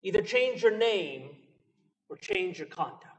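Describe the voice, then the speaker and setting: A man's voice: sits high, sing-song, unhurried, fairly bright tone, far from the mic, heavily acted. A man voicing a stern ancient general who questions and commands. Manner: commanding, demanding.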